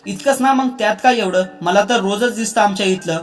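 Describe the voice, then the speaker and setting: Man doing teasing young woman friend, storybook, high. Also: a little fast, soft background music, lightly acted. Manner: teasing, bantering.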